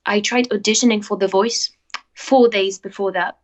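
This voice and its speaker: A woman's voice: mid-range voice, steady tone, normal speed. Woman singer, casual chatty guest, muffled dull call sound. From France. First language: French. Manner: chatty, lots of "like" fillers. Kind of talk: casual interview chat.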